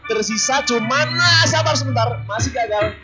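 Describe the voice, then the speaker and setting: Basketball play-by-play, hoarse from yelling, informal, exclamatory, English phrases mixed in, lo-fi sound, loud music behind. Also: sits high, normal speed. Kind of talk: excited live sports commentary.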